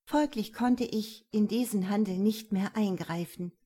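A woman's voice: mid-range voice, unhurried, dark tone, husky. Woman voicing Anna, anxious young duchess. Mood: urgent. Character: young noblewoman, guarded and clever.

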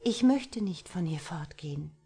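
A proud young woman in a romance audiobook who holds her ground firmly and defiantly. A woman reads her in a low, slightly husky voice. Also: normal speed, darkish tone. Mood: ruhig. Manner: firm and defiant. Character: stubborn, proud young woman, a governess type.

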